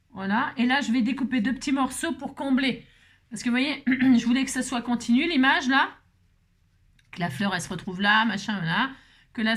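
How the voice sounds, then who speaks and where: French lady doing a craft tutorial, a bit hoarse, chatty and rambling, fairly high voice. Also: a bit bright. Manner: rambling, talks to viewers while working, many fillers. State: slightly hoarse voice.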